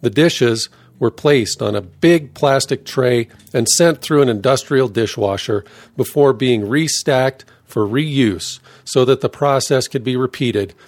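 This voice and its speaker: A man's voice: mid-range voice, unhurried, a little mellow, no room sound. Man reading a memoir, dry close sound. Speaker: narrator. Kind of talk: reading a first-person memoir aloud.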